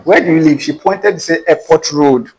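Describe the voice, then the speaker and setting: Husky and fairly high-pitched, this man speaks at normal speed with a Nigerian accent. As an interview guest he tells an animated personal dating story in a casual way, acting out the quoted dialogue.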